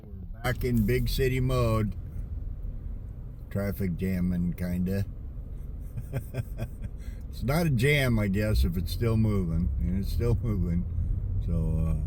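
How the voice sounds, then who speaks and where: An older man hosting a casual travel vlog from his car in city traffic, laid-back and rambling with lots of fillers. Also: low-pitched. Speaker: vlog host. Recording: loud car and traffic noise.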